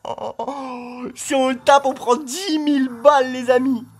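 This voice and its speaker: A man streaming online casino games, chatting straight to his viewers in an excitable, casual way. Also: extremely high pitch, slow pace. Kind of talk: casual gambling commentary.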